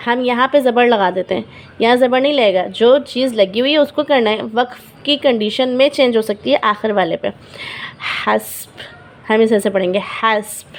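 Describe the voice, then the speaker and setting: In a fairly high-pitched voice, a woman patiently teaches Quran recitation rules. She says every example word slowly more than once and frequently checks on her learners.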